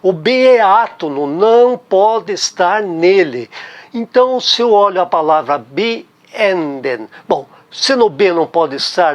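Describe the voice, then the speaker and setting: A man's voice: high voice, highs cut off. A man with a Brazilian Portuguese accent teaching a language lesson, patiently repeating key words and checking in with the listener. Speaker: German teacher.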